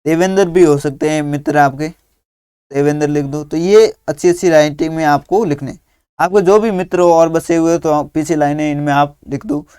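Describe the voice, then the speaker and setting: A man teaching young children through a workbook, dictating words slowly and patiently one at a time. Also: a little high, fairly even intonation, mellow, smooth, no room sound, clean studio sound.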